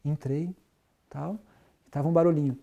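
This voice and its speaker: A man, telling his testimony in an animated storytelling way, mimicking sounds and singing short chant phrases. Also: on the high side, moderate pace, vocal fry, muffled recording. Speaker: testimony speaker. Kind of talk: spoken testimony.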